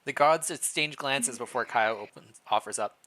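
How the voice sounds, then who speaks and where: At a normal speed and medium pitch, a streamer works through some fan fiction on a casual livestream. Their reading is playful and full of spoken reactions, with a few slips along the way.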